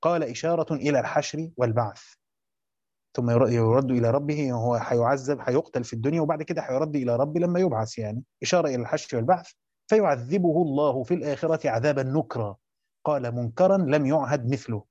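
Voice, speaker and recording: Talking fast in a mellow, medium-pitched voice, an Egyptian-accented man leads a Quranic commentary lesson, repeating phrases, quizzing students, and explaining step by step. The sound is dry, muffled, and lo-fi.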